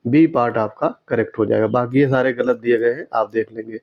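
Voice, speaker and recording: A man in a mid-range voice walks through exam questions one by one. He explains, stops to correct a word, and says it again slowly. The audio is slightly dull and lo-fi. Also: mid-range voice. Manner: explanatory, repeats words slowly to correct them. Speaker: teacher. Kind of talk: exam answer walkthrough.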